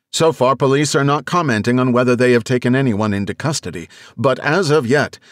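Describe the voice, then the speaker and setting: A man's voice: medium pitch, no echo, studio quality, voice pushed up, lightly acted. A man voicing a woman TV field reporter on scene in an audiobook, delivering the news urgently and straining to be heard. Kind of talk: audiobook character voice.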